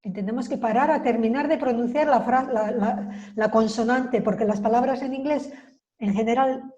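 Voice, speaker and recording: A woman whose first language is Spanish, giving a casual language lesson and slowly repeating English phrases to show how they are pronounced. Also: on the high side, mellow, highs cut off. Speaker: language teacher.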